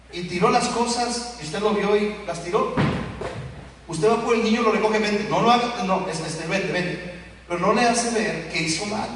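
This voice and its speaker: High-voiced Mexican pastor preaching in an echoey hall. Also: male voice. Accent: Mexican Spanish. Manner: animated, acts out quoted voices of children and parents. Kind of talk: sermon. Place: church hall. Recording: echoey hall, speaker far from the mic, faint ambient noise.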